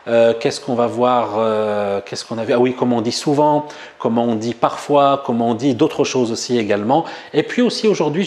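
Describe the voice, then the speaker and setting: A man with a French accent teaching a relaxed language lesson at a whiteboard, chatting and joking, then saying new words slowly and more than once. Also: mid-range voice. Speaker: Arabic teacher. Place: room with a whiteboard.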